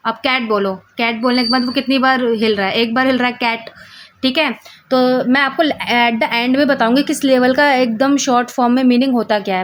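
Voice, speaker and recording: Young woman teaching from her notes. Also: fairly high pitch. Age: young adult. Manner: reads English notes slowly, then explains quickly in Hindi. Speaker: law student teaching. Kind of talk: casual Hindi lesson explaining notes.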